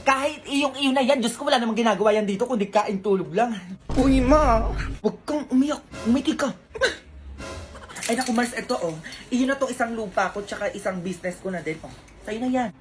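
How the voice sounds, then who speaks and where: Babaeng pinay, OA magsalita sa skit, sermon-type, may background music. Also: female voice, on the high side, a little fast. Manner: scolding, exaggerated comic delivery. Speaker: comedy skit creator. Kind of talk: comic skit acting, playing several roles. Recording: music playing behind.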